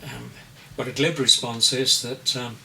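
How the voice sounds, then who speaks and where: A man in his eighties, an artist answering interview questions in a slow, deliberate way as he searches for his words. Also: mid-range voice, fairly even intonation, creaky, pushed and bright. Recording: distant mic with faint noise.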